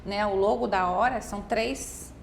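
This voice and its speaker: A woman telling a personal faith story in casual conversation, animated and often acting out what others said. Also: mid-range voice, unhurried, creaky. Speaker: guest. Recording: faint background noise.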